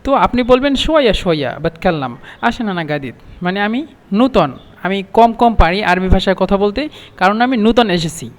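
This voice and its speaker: A man from Bangladesh teaching a spoken language lesson, explaining slowly and repeating each phrase. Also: high voice, animated, in a large hall.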